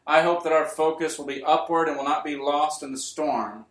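A male preacher giving an earnest sermon to his congregation, building up to emphatic points and then easing into quiet appeals. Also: a little high, steady tone, normal speed. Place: church. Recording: roomy church sound, mic at a distance.

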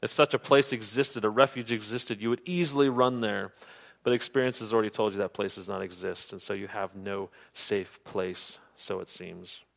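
A man preaching a sermon, earnest, often dropping to soft, low tones for emphasis. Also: fairly even intonation, normal speed, vocal fry. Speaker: pastor.

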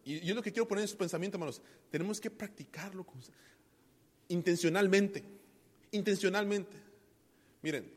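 Preaching pastor with rising, swelling emphasis. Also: male voice, sits high, animated, racing, few pauses, breathy edge, big-room sound. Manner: preaching with sharp swings between soft and loud. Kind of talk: sermon.

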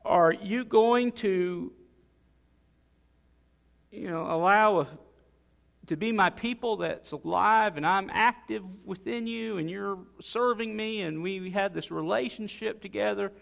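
A man's voice: sits high, moderate pace, gravelly, fairly bright tone, in a large hall. A man preaching a sermon in a conversational way, with frequent fillers and restarts. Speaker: pastor.

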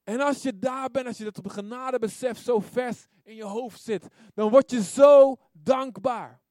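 A man preaching a sermon in a lively way, often calling out amen and asking his listeners to agree. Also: very high-pitched, a little slow, no room sound, clean studio sound. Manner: lively, often asks "ja toch?" and calls "amen".

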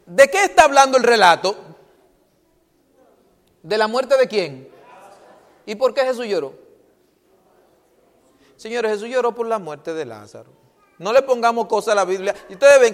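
A man with a very high voice preaches a sermon into a handheld microphone, pressing his listeners with rhetorical questions. He moves between loud, emphatic lines and hushed, quiet passages. A long reverb from the church hall trails every word.

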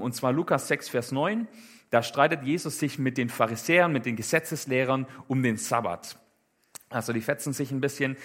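A man preaching a casual sermon in a conversational way, with many fillers and rhetorical questions. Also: medium pitch.

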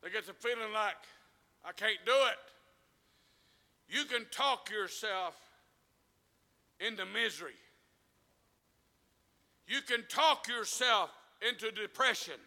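A man preaching, his voice sitting very high and ringing bright and sharp. He spins folksy, homespun stories and swells into fervent preaching. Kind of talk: sermon.

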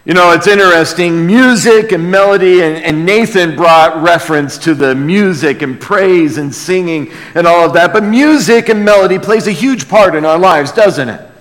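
A man preaching as a pastor speaks in a fairly bright voice that sits high, keeping a moderate pace with few pauses. His sermon is conversational and folksy, posing rhetorical questions to the congregation, and the large room adds long hall reverb.

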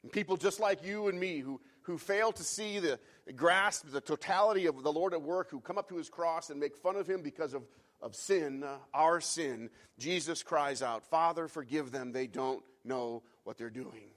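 A man preaching a sermon, moving from quiet reflection to fervent, emphatic climaxes, repeating key phrases. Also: fairly high pitch, normal speed. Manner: builds from hushed reflection to fervent, loud climaxes; repeats phrases for emphasis, some restarts and fillers. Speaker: pastor.

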